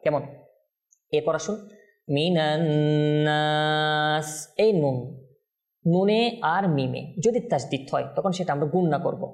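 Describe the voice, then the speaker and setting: A man teaching Quran recitation rules, drawing out example words slowly and checking in often with his listeners. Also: fairly high pitch, animated, gravelly, darkish tone, soft background music. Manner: patient, keeps checking in with listeners; demonstrates words slowly, drawn out. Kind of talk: tajweed lesson, explaining pronunciation rules.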